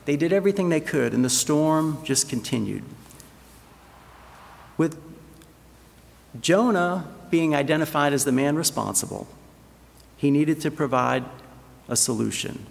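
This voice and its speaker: A man's voice: a little high, expressive, unhurried, gravelly, pauses often. A man preaching a sermon in an earnest way, asking rhetorical questions and acting out the voices in the passage. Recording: long hall reverb.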